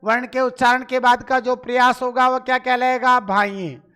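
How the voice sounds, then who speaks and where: A man's voice: very high-pitched, flat delivery, moderate pace, pushed and bright, smooth. A male teacher giving a live online grammar lesson, asking questions and answering them himself, and urging viewers to reply in chat.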